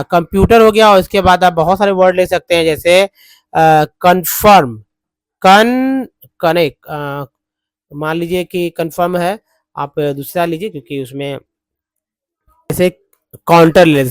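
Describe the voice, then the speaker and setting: A male teacher walks through English words at an unhurried, deliberate pace, sounding out each letter and repeating the result. His voice is close and dry, with no room sound around it. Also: high-pitched, dry recording. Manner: slow, repetitive, spells words out letter by letter. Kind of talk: blackboard-style spoken lesson.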